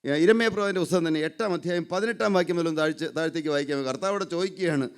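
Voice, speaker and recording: A man's voice: fairly high pitch, very fast, clean tone. A man preaching a sermon, fervent and pleading, repeating his points.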